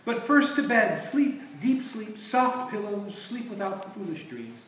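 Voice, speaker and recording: A man voicing a scheming witch who lulls her listeners with drawn-out, sing-song words, heard from a distant mic in an echoey room. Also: high voice, sing-song, fairly bright tone, a little hiss or hum, pitched above the performer's own voice, heavily acted. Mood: lulling. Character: scheming enchantress witch, lulling then shrieking.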